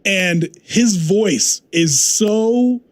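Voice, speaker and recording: Male sports radio host, higher voice, casual and teasing. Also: lively intonation, very slow. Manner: laughs easily, teasing.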